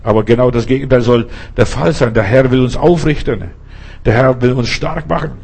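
A man's voice: medium pitch, a little fast, gravelly, a little mellow, breathy edge. A male preacher giving an emphatic sermon, speaking straight to the listener with pointed rhetorical questions.

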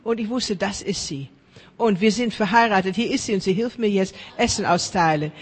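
A woman preaching a sermon in lively, chatty talk, often checking in with her listeners, with slightly broken grammar. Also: mid-range voice, moderate pace, husky, long reverb tail.

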